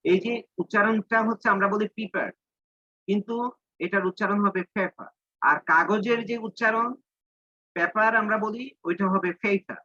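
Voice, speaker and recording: Male teacher, patient and explanatory, bright tone over a dull lo-fi line. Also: high voice, no room sound. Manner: reads English slowly, then explains in Bengali. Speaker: English teacher. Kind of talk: online class lesson.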